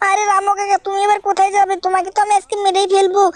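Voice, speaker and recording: Woman doing Shinchan, a shrill bossy little boy. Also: monotone, racing, no echo. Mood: angry. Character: mischievous little boy, bossy and hot-tempered. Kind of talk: fan-dubbed game video.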